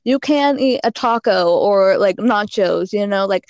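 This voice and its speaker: A woman's voice: medium pitch, unhurried, darkish tone, dry recording, dull audio. A woman guest on a casual podcast, giving frank fitness and diet advice with lots of "like" and "you know.".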